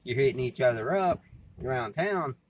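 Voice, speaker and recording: Speaking casually into a cell phone, this man, an ex-trucker, CB radio hobbyist and amateur vlogger, wanders through his thoughts in folksy slang. His voice sits at medium pitch and is expressive at a normal speed, with slight noise in the background.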